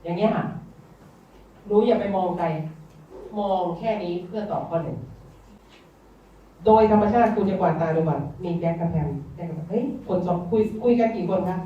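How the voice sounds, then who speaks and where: A woman's voice: on the low side, normal speed, pauses often, a little hiss or hum. Thai woman teacher in an echoey classroom. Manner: coaxing, drills students to repeat words aloud. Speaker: English teacher. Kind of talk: classroom lesson. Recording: distant roomy classroom sound, dull.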